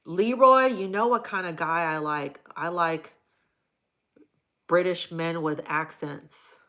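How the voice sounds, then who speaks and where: A woman's voice: fairly low pitch, slow, fairly bright tone. A woman from Hawaii hosting a live stream, reading viewer comments aloud and answering them in a blunt, crude, casual way. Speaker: livestream host answering chat.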